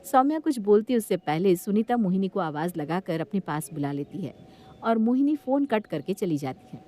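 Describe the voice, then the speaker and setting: A woman's voice: medium pitch, moderate pace. Woman narrating a moral story. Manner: steady storytelling.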